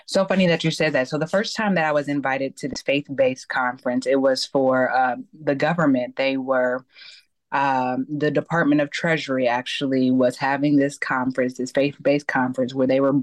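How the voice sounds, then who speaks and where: A woman's voice: very deep voice, steady tone, moderate pace, no room sound. A woman guest on an interview show, telling her personal faith story in an earnest, storytelling way. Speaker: guest, accountability coach. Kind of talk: personal testimony in a podcast interview.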